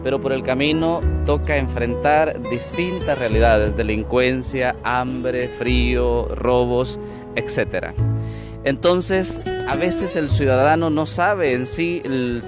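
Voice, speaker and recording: Young male priest, measured and calm, street interview with music under it. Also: mid-range voice. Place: outdoors on a city street under trees. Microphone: lapel mic.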